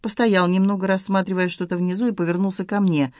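A woman narrating a first-person novel in a lively, ironic storytelling manner. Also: medium pitch, quick pace, no room sound, studio quality. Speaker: audiobook narrator.

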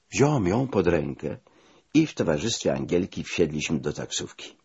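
Male memoir reader, low and husky, lively intonation, dull lo-fi audio. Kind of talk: first-person memoir reading.

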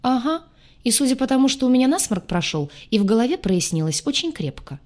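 A woman's voice: sits high, big pitch swings, a little fast, darkish tone, voice pushed up. A woman reading an audiobook, voicing a sarcastic, cheeky young male alien mechanic with a mocking, joking manner.

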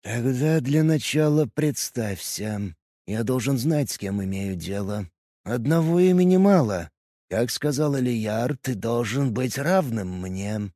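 A man voicing a proud, stern male school leader in a fantasy audiobook, speaking in a low, unyielding tone with a husky edge. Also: animated, takes it slowly, warm tone, no echo, studio quality.

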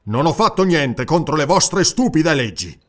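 A brash young barbarian warrior, boastful and defiant, in a slightly raised, lively voice that lands each word with force, with a man voicing him for an audiobook. He sounds bold and sure of himself. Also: on the high side, a little fast, lightly acted.

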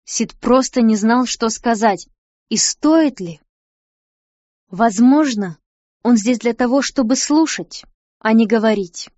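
A woman narrating a story aloud in a measured, storytelling manner. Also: a little high, darkish tone, no echo. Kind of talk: audiobook narration. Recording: dry, dull lo-fi sound.

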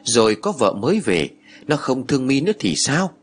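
A man's voice: mid-range voice, sing-song, normal speed, a little hiss or hum, close to an everyday voice. A man doing an earnest young wife. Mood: worried. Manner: earnest, pleading. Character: young wife, loyal and pleading.

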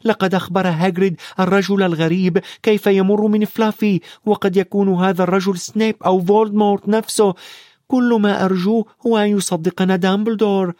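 A man's voice: sits high, fairly even intonation, fast, dark tone, dry recording, clean studio sound, pitched above the performer's own voice, natural voice. A man voicing an anxious young schoolboy who speaks in a raised, urgent, insistent way.

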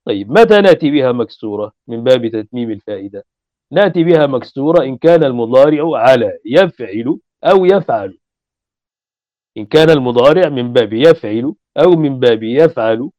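A man's voice: medium pitch, dark tone, dry recording. A man teaching a lesson, explaining step by step, repeating his examples and asking rhetorical questions. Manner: chants verse lines slowly. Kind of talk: classroom lesson on Arabic morphology. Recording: dull, muffled lo-fi recording.

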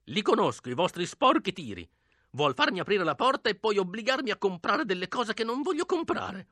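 A male reader voicing a suspicious old woman living alone with cats, scolding and shouting through a door. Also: sits high, very animated, a little fast, no echo, voice pushed up, heavily acted. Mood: shrill scolding.

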